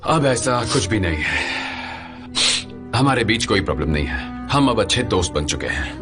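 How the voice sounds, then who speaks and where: An actor playing a calm, kind young man in a dubbed TV drama, soothing and steady. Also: lowish voice, moderate pace. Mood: reassuring. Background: music score.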